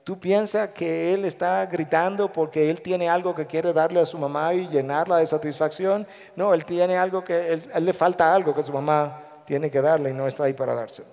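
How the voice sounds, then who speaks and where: A male pastor with a Guatemalan Spanish accent preaching a sermon in a large church, animated, acting out the voices he quotes. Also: a little high, normal speed, hardly any pauses. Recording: long echo of a large church hall.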